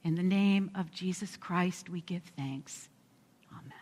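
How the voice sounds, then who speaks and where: A woman pastor praying slowly and reflectively during a service, her voice carrying the long echo of a large church. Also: on the low side, a little mellow. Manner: slow, reflective, heartfelt praying. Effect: long echo of a large church hall. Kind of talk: spoken pastoral prayer. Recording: reverberant church sanctuary.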